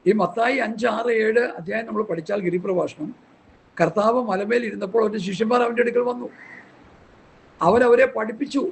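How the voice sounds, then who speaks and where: A man's voice: high voice, fairly quick, vocal fry, slight background noise. A man preaching a Bible study sermon in an impassioned, scolding way, full of rhetorical questions. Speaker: pastor.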